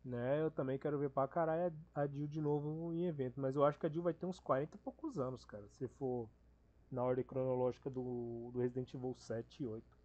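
A man's voice: mid-range voice, steady tone, brisk, dull audio, music in the background. A Brazilian man, around his thirties, giving casual, slangy, crude-joking commentary as he streams a horror game. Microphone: streaming mic, facecam.

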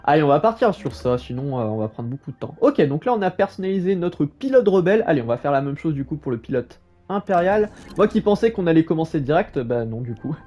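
A man's voice: a little high, big pitch swings, fast, few pauses. A man hosting a gaming video with casual commentary, musing aloud in an informal way. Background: soft game music.

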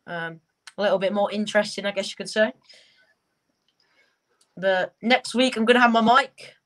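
A woman's voice: medium pitch, normal speed, a bit bright, low-quality recording. A young woman hosting a live football reaction vlog, keeping up a running commentary and passing on what her chat says. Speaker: vlogger host.

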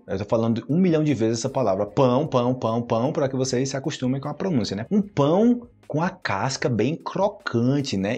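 A young Brazilian man with a Brazilian Portuguese accent, teaching pronunciation in a chatty way, laughing often and repeating words slowly. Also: medium pitch, dark tone, slightly rough. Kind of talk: casual video lesson.

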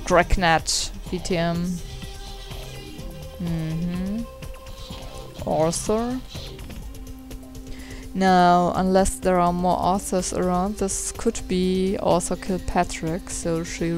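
Slow, musing woman playing a game. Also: fairly low pitch, fairly even intonation, a little mellow. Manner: slow, musing, stumbles while reading dialogue options aloud. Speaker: let's play host. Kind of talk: casual gameplay commentary. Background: faint game music.

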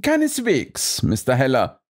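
Man doing a calm Victorian detective, ironic, precise, high lively reading voice. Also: normal speed, husky, exaggerated voice. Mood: polite, ironic. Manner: polite, ironic, coolly precise. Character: shrewd male Victorian detective, calm and cutting. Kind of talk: audiobook character reading.

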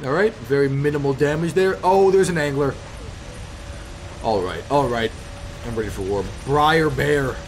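A man doing live gameplay commentary as a hyped, excitable gamer bro who repeats his phrases, hosting his video. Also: medium pitch, normal speed, noisy background. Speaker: gaming video host.

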